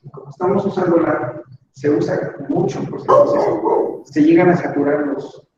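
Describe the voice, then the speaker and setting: A man's voice: on the high side, wildly swooping pitch, normal speed, darkish tone, recorded from a distance. A male math teacher, giving an online class through a computer mic that echoes heavily, asking again and again if he can be heard. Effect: heavy echo on his mic, students say it sounds like an echo. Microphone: computer microphone on a video call. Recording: echoey, dull online-call audio with faint hiss.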